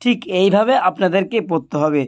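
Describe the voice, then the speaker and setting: A man teaching Arabic letter pronunciation step by step, patiently addressing viewers and drawing out each letter sound in slow recitation. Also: high voice, expressive, lo-fi sound. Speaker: Quran reading teacher.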